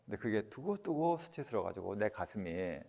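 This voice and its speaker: A man giving a lecture, lively and talkative, who keeps quizzing his audience with questions. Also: on the low side, a little fast, gravelly, long reverb tail.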